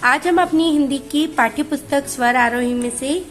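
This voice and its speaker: A woman's voice: high voice, normal speed, a bit bright, soft background music. A woman teaching a recorded lesson to small children, patiently asking and answering her own questions and stretching out each word before repeating it. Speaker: kindergarten Hindi teacher.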